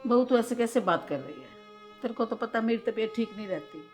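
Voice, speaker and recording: A woman's voice: a little high, expressive, quick pace, soft background music, lightly acted. A woman acting an ailing, elderly mother-in-law in a family drama skit, speaking in a plaintive, pleading way. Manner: plaintive, pleading, soft-spoken.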